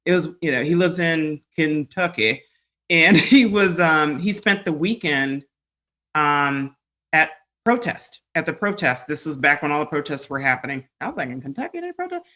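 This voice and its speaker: A woman guest on a podcast, telling stories in a rambling, animated way and laughing often. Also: sits low, a little slow. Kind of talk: casual storytelling conversation.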